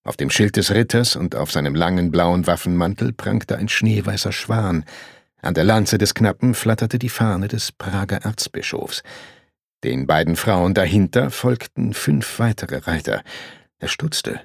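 Gravelly, husky male audiobook narrator. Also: low voice, expressive, measured pace, no echo, clean studio sound. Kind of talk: audiobook reading.

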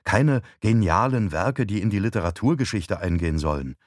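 A man voicing a calm, persuasive young wife in an audiobook, raising his pitch and speaking gently. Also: normal speed, no room sound, studio quality. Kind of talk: audiobook dialogue.

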